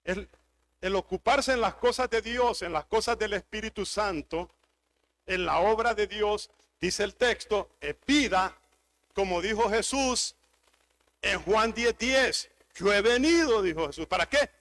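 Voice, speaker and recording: High-voiced man preaching a sermon. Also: a little slow, fairly bright tone, slight background noise. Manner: preaching with rising, emphatic repetition. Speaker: pastor.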